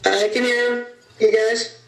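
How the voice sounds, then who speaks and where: A woman's voice: fairly high pitch, level tone, takes it slowly, music in the background. A woman in her late thirties from Michigan, heard over a speakerphone as a guest in a casual chat, restarting her sentences as she goes. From Michigan, USA. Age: 30s. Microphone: speakerphone on a video call. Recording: echoey speakerphone with faint noise.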